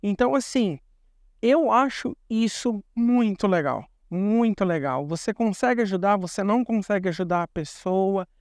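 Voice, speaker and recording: A man's voice: sits high, animated, moderate pace, darkish tone, dry recording, studio quality. A young Brazilian man with a Brazilian Portuguese accent, explaining things in a chatty vlog and repeating words for emphasis. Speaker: vlogger.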